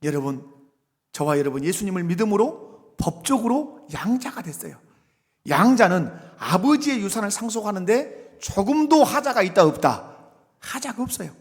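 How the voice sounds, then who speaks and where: Fervent high-voiced male pastor in a reverberant church. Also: big pitch swings, moderate pace. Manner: conversational, rising to loud fervent exhortation. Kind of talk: sermon. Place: church sanctuary.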